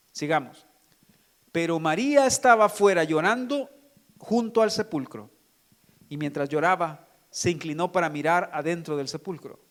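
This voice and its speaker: A pastor preaching a sermon, reading scripture and asking the congregation questions. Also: male voice, high-pitched.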